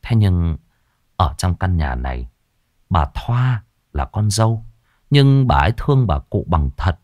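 A man narrating a dramatic village story in an expressive storytelling style. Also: deep voice, a little slow, no echo, clean studio sound.

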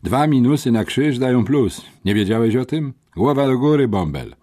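A man voicing a calm, self-assured teenage boy full of ideas. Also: mid-range voice, moderate pace, voice pushed up, close to an everyday voice. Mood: confident. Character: calm unflappable teenage boy, confident schemer.

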